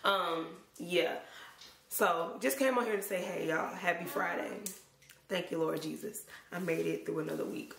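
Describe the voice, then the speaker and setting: A young adult woman chatting casually to camera in slangy, informal speech, her voice hoarse and worn out. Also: lowish voice, normal speed, a bit bright. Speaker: vlogger. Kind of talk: casual vlog chat to camera. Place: bare indoor room. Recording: echoey room, clear background noise.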